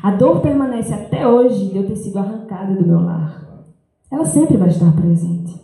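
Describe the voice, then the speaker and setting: Young woman speaker, dark mellow tone, earnest and reflective, handheld mic in a big echoey school hall. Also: medium pitch, lively intonation, moderate pace. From Brazil and France. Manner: earnest, reflective, reads from paper. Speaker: speaker giving a school talk. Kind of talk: reading a personal talk aloud. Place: large school hall, indoors.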